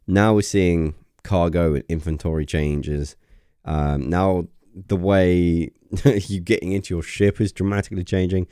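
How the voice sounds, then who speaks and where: He has a deep, steady, dark voice that is clear and resonant, speaking a little slowly in a clean studio recording with no echo. On his gaming channel he gives casual commentary on a game update, enthusiastic and rambling with plenty of fillers, his voice wearing a little.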